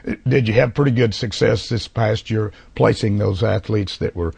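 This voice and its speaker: A male TV talk show host, hoarse from allergies, interviewing a guest in a halting way with many fillers and restarts. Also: fairly low pitch, a little mellow, no echo. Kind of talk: casual interview.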